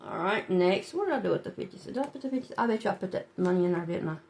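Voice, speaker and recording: A budgeting channel host with a stuffy, head-cold nose chats casually with viewers while filling in her savings challenges, letting out small laughs as she works. Her mid-range voice is expressive, darkish, and very fast, with slight background noise.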